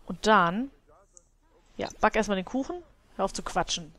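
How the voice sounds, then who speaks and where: A woman's voice: medium pitch, animated, normal speed, a bit bright. A woman hosting a let's play, commenting casually on her game and scolding her characters with exasperated, laughing outbursts.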